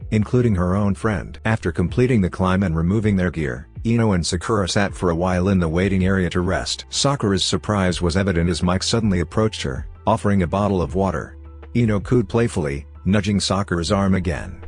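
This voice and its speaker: Deep husky male story narrator. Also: a little mellow.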